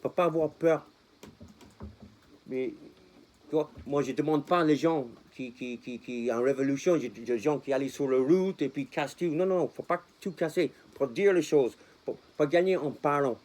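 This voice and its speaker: This man speaks at a moderate pace in a fairly high, darkish voice. Addressing his viewers in a casual French vlog, he has a non-native accent, gets passionate, says things more than once, and mixes in English words.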